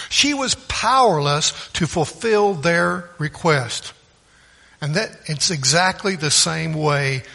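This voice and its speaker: A man's voice: a little high, gravelly, pushed and bright, breathy edge. A man preaching a sermon with emphatic repetition and homespun storytelling.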